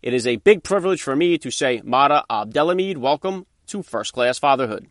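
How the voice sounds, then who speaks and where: A man hosting a podcast interview, asking questions in an upbeat, brisk way. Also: medium pitch, expressive, a bit bright, no echo. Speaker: podcast host.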